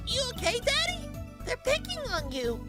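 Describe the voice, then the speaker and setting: A man using a chipmunk-like squeaky falsetto to voice a cheerful little girl magician. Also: huge pitch swings, normal speed, over music, full character voice. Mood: worried.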